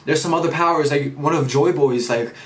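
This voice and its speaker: A young man chatting casually in a vlog review, slangy and excitable, swearing freely. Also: on the high side, brisk, slight background noise. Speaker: anime and manga reviewer. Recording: roomy echo.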